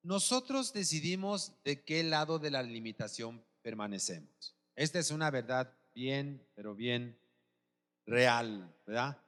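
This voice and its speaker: A man's voice: mid-range voice, big pitch swings, measured pace, fairly bright tone, in a large hall. A man preaching a sermon as pastor, often asking the congregation if they are with him. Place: church.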